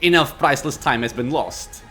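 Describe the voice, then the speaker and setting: A man's voice: mid-range voice, normal speed, bright, forceful tone, faint music behind, natural voice. A man voicing an ancient undead lich master from a fantasy game, lordly and impatient, speaking in formal, archaic phrases. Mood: proud, impatient. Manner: imperious, archaic formal speech. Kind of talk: acted reading of fantasy game dialogue.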